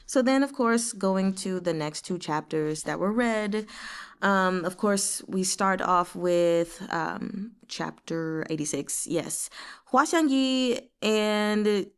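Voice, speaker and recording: Hosting a book read-along, a woman chats casually and expressively, drifting into digressions and giggly asides. Her medium-pitched voice is smooth and she takes things slowly.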